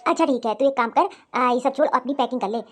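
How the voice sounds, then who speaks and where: Doting cartoon dad, fast-talking and fond, voiced by a woman in a high voice. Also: a little hiss or hum, natural voice. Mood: affectionate. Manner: warm, fussing, affectionate. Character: cheerful caring father of the bride, man. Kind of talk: animated cartoon voice acting.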